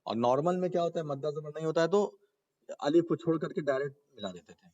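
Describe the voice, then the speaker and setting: A man's voice: a little high, expressive, darkish tone, dull audio. A man teaching Quran reading and tajweed, explaining patiently, repeating points and asking the class questions. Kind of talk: spoken lesson with slow chanted recitation examples.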